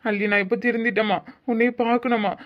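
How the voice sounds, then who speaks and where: A woman's voice: fairly high pitch, steady tone, fast talker, close to an everyday voice. A woman voicing a young husband in a cartoon, emotional and apologetic, with a Tirunelveli Tamil accent. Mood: tearful pleading. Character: young husband Muthu, proud then remorseful. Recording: muffled lo-fi audio.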